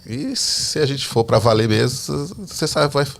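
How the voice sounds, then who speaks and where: A man telling his personal faith testimony as a podcast guest, a lively storyteller who acts out the dialogue he quotes. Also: mid-range voice, a little slow, vocal fry. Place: living in the United States.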